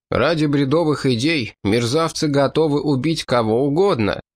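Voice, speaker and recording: A man's voice: fairly high pitch, no echo, voice pushed up. A man reading an audiobook, voicing a hard, ruthless French marquis who speaks in a blunt, ironic and contemptuous way.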